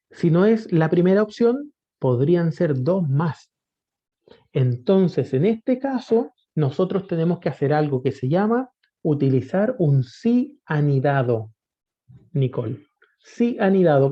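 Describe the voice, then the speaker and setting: A man teaching a spreadsheet lesson, patiently asking rhetorical questions and often checking that students follow. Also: high voice. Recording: dull lo-fi recording.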